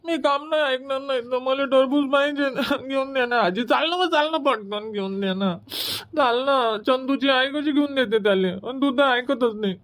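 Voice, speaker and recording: A man's voice: extremely high pitch, normal speed, a bit bright. A man voicing a small village boy in a cartoon who keeps begging his grandmother. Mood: whining. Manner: whining, begging. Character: whiny pleading little village boy.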